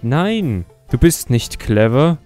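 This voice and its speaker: A man's voice: medium pitch, big pitch swings, slow pace, a little mellow, faint music behind. A young man hosting a comedy video, mocking and sarcastic as he comments, often laughing. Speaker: YouTuber host.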